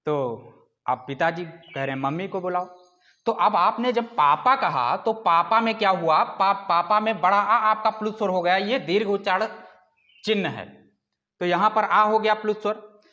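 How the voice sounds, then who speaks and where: A man with a notably high speaking voice gives a classroom lecture. He asks questions of his listeners and answers them himself, and he draws out sounds to demonstrate them. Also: sharp tone, highs cut off. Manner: explains with rhetorical questions and drawn-out calls. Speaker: teacher.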